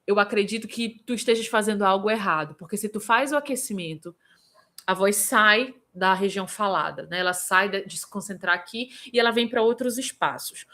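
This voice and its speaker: A woman vocal coach in Brazil, teaching a live singing lesson and answering viewers by name. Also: medium pitch. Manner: lively, demonstrative, breaks into vocal examples.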